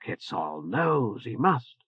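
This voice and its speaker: A man performs a full character voice for an audiobook, playing a fretful older churchman who stammers, hedges and ends lines with "eh?". His voice is mid-range and sing-song with a breathy edge, anxious and fumbling, halting with "uh" and "eh?" tags. The recording is dull and muffled, with no echo.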